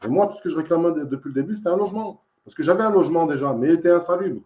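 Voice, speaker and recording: A man speaking fast in a casual interview, his voice mellow and warm. He tells his story emphatically, circling back and repeating his points. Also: on the high side, roomy sound. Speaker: interviewee, father in dispute with social services. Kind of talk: casual testimony.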